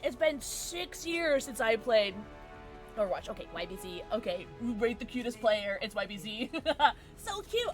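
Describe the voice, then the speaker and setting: A woman chatting casually on a gaming livestream in a playful, effusive and scatterbrained way. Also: fairly high pitch. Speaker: livestreamer playing video games.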